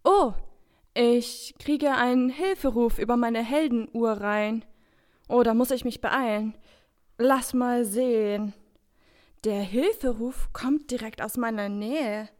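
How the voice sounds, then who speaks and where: A woman voicing a cheerful, energetic girl hero and big sister in a children's audio drama. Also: on the high side, slow. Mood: urgent. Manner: bubbly, upbeat, sisterly.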